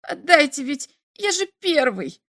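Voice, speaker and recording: A woman's voice: high voice, lively intonation, moderate pace, a bit bright, no room sound, clean studio sound, voice pushed up. A woman voicing a small male alien who begs in a breathless, wheedling way. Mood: desperate.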